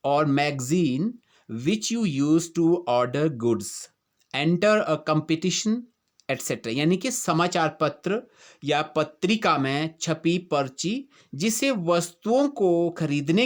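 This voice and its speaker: A man with an Indian accent teaching English pronunciation in a lesson that mixes Hindi and English, asking rhetorical questions and repeating words to drill them. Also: on the high side. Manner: reads English definitions slowly and deliberately.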